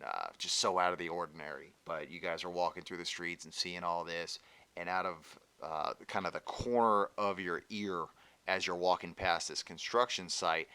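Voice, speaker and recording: A man narrating as game master of a tabletop game, rambling in a relaxed way with fillers. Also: sits low, smooth, no room sound.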